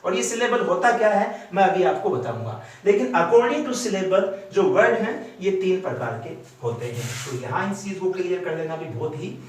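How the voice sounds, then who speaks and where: A man with an Indian accent explaining English grammar in a slow, repeating classroom lecture style. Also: high voice, very animated. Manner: explains slowly, mixing English terms into Hindi, repeating phrases. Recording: echoey room, from far off.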